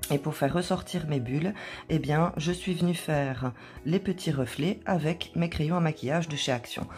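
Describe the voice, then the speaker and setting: A woman hosting an art journal tutorial, explaining each step calmly, with occasional hesitations. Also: sits low. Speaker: craft tutorial host.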